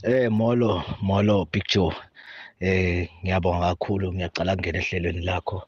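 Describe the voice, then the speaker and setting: A South African man speaks as a radio caller with a very deep voice. He repeats words as he forms his casual sports opinion. The sound is dry, dull and lo-fi. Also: fairly even intonation, normal speed, slightly rough, no room sound. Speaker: radio call-in listener. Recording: dull lo-fi call audio.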